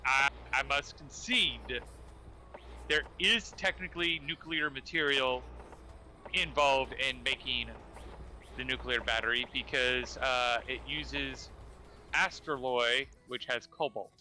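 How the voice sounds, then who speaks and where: A man's voice: medium pitch, slow pace, pushed and bright, a little hiss or hum, low-quality recording. Man joking in a mock Russian accent. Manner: talks in a playful put-on Russian accent; joking, teasing banter. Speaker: streamer playing a co-op game. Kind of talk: casual gaming chat.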